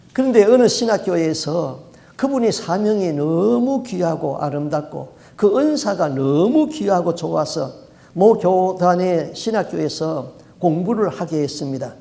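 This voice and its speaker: High-voiced, mellow Korean pastor preaching. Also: male voice, gravelly. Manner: storytelling preacher asking rhetorical questions; emphatic, repeats key words. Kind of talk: sermon.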